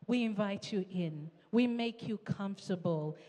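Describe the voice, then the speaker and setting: A woman's voice: medium pitch, mellow. A Ugandan woman co-hosting a live gala dinner, teasing and chiming in to finish her co-host's lines. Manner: quick to chime in, teasing, finishes co-host's sentences. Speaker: event co-host. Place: large indoor banquet hall. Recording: echoey banquet hall with music.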